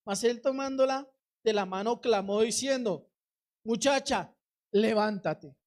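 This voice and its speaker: A woman's voice: on the high side, moderate pace, darkish tone. A middle-aged woman preaching a sermon, urging the congregation directly and acting out quoted voices.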